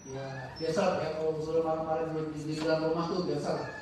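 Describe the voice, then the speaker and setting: A high-pitched man teaches an informal religious study circle. He often stops mid-sentence to hunt for the right word, then slips into animated voices for the people in his stories. He is caught from a distance in a booming, echoey mosque hall with a faint hiss underneath. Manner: halting, searches for words mid-sentence; animated storytelling with acted-out quotes.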